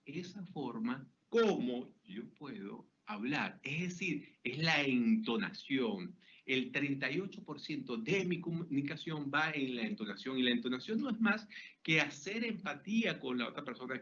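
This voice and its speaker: A man leads an online lecture, his voice sitting a little high for a man. He speaks to his audience directly, using questions and everyday examples. The computer-mic audio sounds muffled and lo-fi, with a faint noise beneath it. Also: fairly bright tone. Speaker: communication trainer. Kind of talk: webinar lecture.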